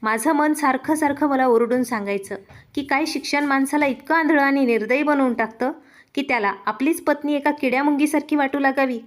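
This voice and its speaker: A woman tells a heartfelt first-person story in a steady narrating voice. She speaks earnestly and dwells on the feeling in each line. Her voice sits a little higher than most women's. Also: a little fast.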